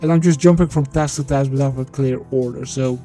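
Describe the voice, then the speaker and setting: A man talking through a voice changer that disguises his voice, narrating a game-development video in a blunt, sweary way that gets loose and halting when he goes off script. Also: medium pitch, fairly even intonation, mellow, faint music behind. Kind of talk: devlog voiceover.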